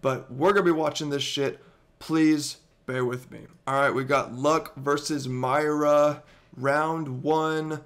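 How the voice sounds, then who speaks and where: Taking it slowly in a voice on the high side, this young YouTuber in his twenties sounds hoarse, almost voiceless, while reacting to a gaming montage. His commentary is excitable and full of swearing, stammers and laughter, picked up by an over-ear headset in his bedroom.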